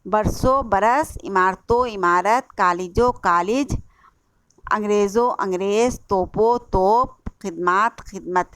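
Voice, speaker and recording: Female Urdu teacher, Indian accent, slow and repetitive, spells words out, dry close sound. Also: medium pitch, a bit bright, clean tone, no echo. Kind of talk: classroom lesson explaining a workbook.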